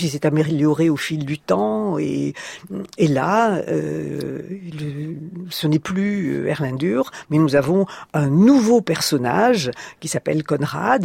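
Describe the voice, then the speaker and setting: An older French woman chats on a radio program about her publishing career. Her voice is gravelly and a little breathy, and she tells her stories in bursts full of hesitant fillers. The studio sound is dry and close. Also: deep voice, dry recording. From France. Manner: animated anecdote-telling, hesitant fillers. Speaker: publisher, interview guest. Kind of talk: radio interview, storytelling.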